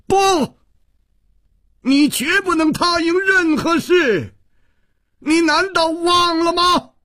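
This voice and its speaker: Man doing a hoarse, shouting young swordsman. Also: very high-pitched, slow, no echo, studio quality, pitched above the performer's own voice, heavily acted. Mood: defiant shout. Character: desperate young swordsman, male, defiant.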